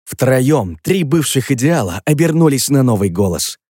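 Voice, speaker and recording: A man reading a fantasy novel aloud as narrator, voicing every character himself in an even storytelling manner. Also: mid-range voice, moderate pace, dry recording, studio quality. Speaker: audiobook narrator.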